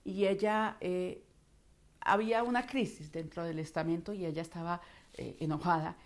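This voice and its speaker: Middle-aged Colombian female voice coach, low-set voice, lively teaching delivery. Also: normal speed. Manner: expressive, acts out voices in anecdotes. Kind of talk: instructional talk.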